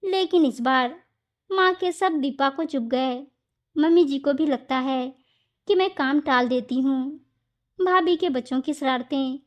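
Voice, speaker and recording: A woman narrating a scripted moral story with a steady, even reading. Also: sits high.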